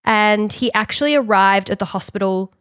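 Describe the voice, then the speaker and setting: A woman co-hosting a podcast, retelling a story in casual chat and acting out quick quotes. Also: medium pitch, a bit bright, clean tone, no echo, studio quality. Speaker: podcast co-host.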